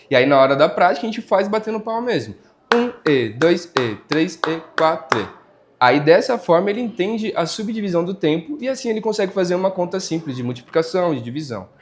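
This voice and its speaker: Brazilian guy teacher talking music class stuff on a school podcast, kinda high voice, counts beats out loud. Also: a little hiss or hum. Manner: explanatory, counts beats and claps out examples. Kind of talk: casual school podcast interview.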